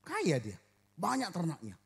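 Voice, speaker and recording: A man's voice: on the high side, wildly swooping pitch, a little slow, vocal fry. A man preaching a sermon as pastor to his church, joking with the congregation and acting out quoted voices.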